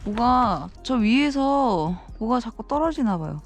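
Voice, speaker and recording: A woman's voice: fairly high pitch, sing-song, unhurried. A woman talking casually to viewers on an outdoor vlog, nervously muttering to herself as she walks carefully. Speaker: solo backpacking vlogger. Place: outdoors in an icy valley.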